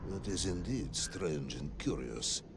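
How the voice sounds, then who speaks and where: An actor playing a stern military general with a dry, sardonic manner in a game. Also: male voice, sits low, expressive, takes it slowly, vocal fry, noisy background, full character voice. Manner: clipped, sardonic. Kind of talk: scripted game dialogue.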